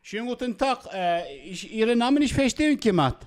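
A flustered immigrant traveller with a thick Turkish accent, put on by a man for a prank call. The voice sits high and stumbles through broken grammar, repeating words insistently as he tries to explain that he is lost. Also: big pitch swings, brisk, slight background noise. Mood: confused, insistent. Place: small studio room, indoors. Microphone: close studio microphone.

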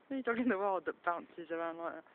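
A woman chatting and coaxing her dog as she films it in a snowy garden at evening. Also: fairly low pitch. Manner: chatty, coaxing, often laughing, calls out to the dog. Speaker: dog owner filming her pet. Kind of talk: casual commentary while filming. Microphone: handheld camera mic. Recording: lo-fi camera audio with faint outdoor noise.

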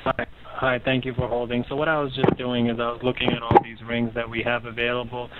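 A man's voice: mid-range voice, little pitch movement, a little fast, very noisy. A man working as a customer service agent, speaking politely and hesitantly over the phone, with many ums and calling the caller sir. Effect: heard over the phone. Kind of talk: phone support call. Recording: tinny phone line.

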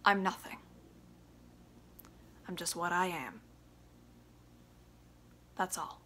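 Young woman doing bitter desperate son in a stage monologue, confronting dad, sharp forceful voice, really emphatic. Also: steady tone, normal speed, a little hiss or hum. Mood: defeated, pleading. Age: young adult. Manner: emphatic, confrontational, swinging from low to shouting. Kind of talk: theatrical audition monologue. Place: small plain room indoors.

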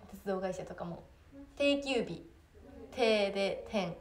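A woman's voice: medium pitch, lively intonation, takes it slowly. A teenage girl with a Kansai accent chatting casually on a phone livestream, giggling and reacting to viewer comments. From Hyogo, Japan. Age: teens. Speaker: idol trainee livestreamer.

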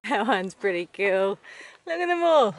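On a desert mountain trail, a middle-aged New Zealand woman vlogs her walk, talking keenly to a handheld camera at arm's length. Her medium-pitched voice swings widely in pitch and she takes her time, with no echo, though the outdoor camera audio is noisy.

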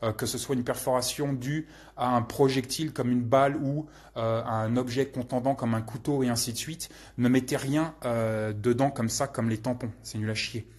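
A man with a husky, slightly rough voice talks through viewer questions in a loose, off-the-cuff way. He hesitates constantly and throws in crude slang, sounding relaxed and unscripted. His pitch sits right in the middle for a man. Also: normal speed, hardly any pauses. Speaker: channel host answering viewer questions. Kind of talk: casual live Q&A chat.

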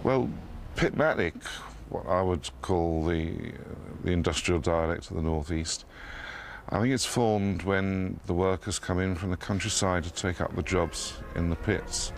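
Deep gravelly man. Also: steady tone, a little slow, slight background noise. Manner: hesitant, repeats words. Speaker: dictionary author. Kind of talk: explanatory interview answers.

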